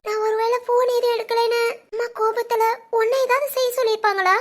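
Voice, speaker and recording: A woman's voice: flat delivery, fast. A woman voicing a fragile, devoted young wife in a cartoon family drama, talking in a tearful, pleading way. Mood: suspicious. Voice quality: very high, girlish.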